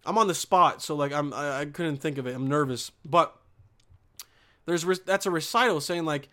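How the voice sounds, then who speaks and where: A young Bosnian man talks at a moderate pace in a sharp, high-leaning voice. His monologue is casual and rambling, peppered with swearing and slang, and he frequently restarts what he's saying.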